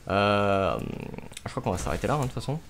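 A man's voice: on the low side, animated, fairly quick, a bit bright, a little hiss or hum. A man, giving casual commentary on a gaming livestream. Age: 20s. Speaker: game streamer. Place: small room at home. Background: music.

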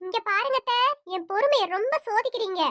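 Woman voicing a sharp-tongued young daughter-in-law. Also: very high-pitched, a little fast, no room sound, studio quality. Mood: defiant. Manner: snappy, talks back.

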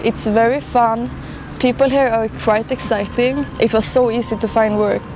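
A young woman from southern Sweden talking casually outdoors, relaxed and full of fillers. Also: fairly high pitch, normal speed, background noise. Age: young adult. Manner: relaxed, fillers like 'like' and 'uh'. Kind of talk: casual testimonial talk. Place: outdoors on a city square in winter. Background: music.

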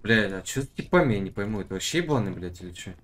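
A man's voice: lowish voice, lively intonation, racing. A young man streaming a shooter, raging and grumbling at teammates with constant swearing. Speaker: game streamer. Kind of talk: live gameplay chat with teammates. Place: indoor streaming room at gaming desk. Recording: loud gunfire and clicking noise. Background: shooter game gunfire, clicks.

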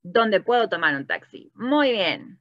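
A woman's voice: medium pitch, very animated, measured pace, no room sound, lo-fi sound. A woman teaching an online Spanish class, patient and encouraging, moving between English and Spanish as she praises students. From Latin America. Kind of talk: bilingual online language lesson.

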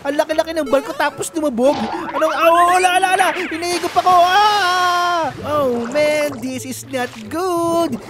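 A woman's voice: sits high, moderate pace, hardly any pauses, heavy background noise. A woman with a Filipino accent hosting her gaming channel, giving playful, giggly commentary on her game and often addressing viewers as "guys". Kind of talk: Roblox gameplay commentary. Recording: music playing under the voice.

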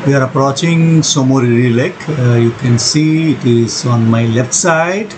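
Slow-talking Indian man on a windy road trip. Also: mid-range voice. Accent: Indian English. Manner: slow, descriptive, with pauses and fillers. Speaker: travel vlogger. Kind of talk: road trip vlog narration. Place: outdoors by high mountain lakes, windy. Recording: wind noise on the mic, muffled.

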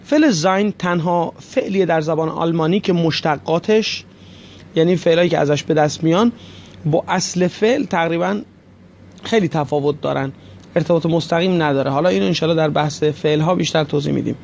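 A man's voice: fairly high pitch, creaky, darkish tone, slight background noise. A man teaching a recorded language lesson, patiently repeating each form and addressing his listeners as friends.

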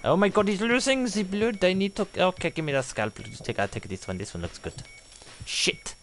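Shouting and cursing with excitement, a young streamer provides rapid, high-pitched commentary on his game. His fake German-ish accent keeps sliding into something invented.

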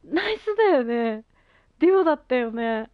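A woman's voice: high-pitched, sing-song, moderate pace, no room sound, dull audio. A woman chatting casually on a gaming stream, gushing in youthful slang and exclamations. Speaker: game streamer. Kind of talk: excited casual live-stream chat while gaming.

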